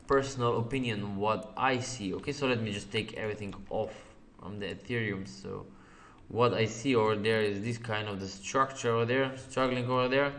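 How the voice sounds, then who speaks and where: A Slovenian man with a fairly low, fairly bright voice hosts a live trading webinar, answering viewer questions over charts. He says "okay" often, uses plain non-native phrasing and laughs easily.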